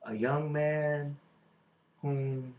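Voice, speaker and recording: A man delivering a boastful, taunting wrestling promo as a monologue, with deliberate dramatic pauses. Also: a little high, fairly even intonation. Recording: dull lo-fi microphone recording.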